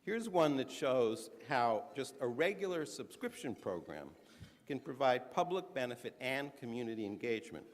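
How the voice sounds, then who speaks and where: Man speaking in a reverberant hall. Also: mid-range voice. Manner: earnest, measured, emphatic delivery with occasional restarts. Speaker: conference speaker. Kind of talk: prepared speech to an audience. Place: conference hall. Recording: large hall with long reverb.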